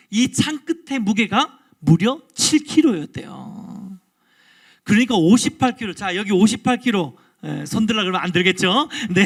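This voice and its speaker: A male guest pastor preaching to all ages, telling a story with lively, interactive energy. He keeps asking the congregation questions and draws them in, speaking in a fairly high voice.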